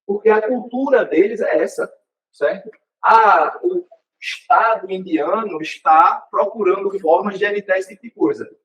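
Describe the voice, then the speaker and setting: A man's voice: high-pitched, animated, normal speed, a bit bright, far from the mic, poor audio. A man with a Brazilian Portuguese accent giving a workplace training talk, in a conversational way that often checks in with the group. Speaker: corporate trainer.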